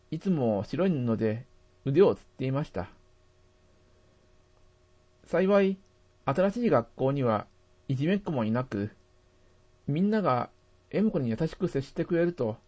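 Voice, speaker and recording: Man reading a story in a lively, mellow voice. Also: on the high side. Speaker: narrator. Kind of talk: scripted narration of a personal story.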